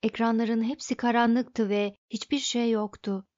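A woman reading a novel aloud as audiobook narrator, in measured, even storytelling. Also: fairly high pitch, no room sound. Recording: dull dry audiobook recording.

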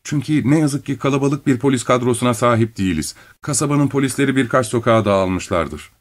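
A man's voice: medium pitch, a little fast, close to an everyday voice. A man reading a formal middle-aged cinema manager making a public announcement in a storybook.

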